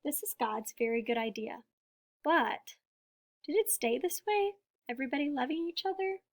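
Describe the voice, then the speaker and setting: A high-voiced woman, a teacher and storybook reader, reads a picture book aloud to children with lively intonation. She phrases deliberately, stressing important words and explaining things simply for young listeners.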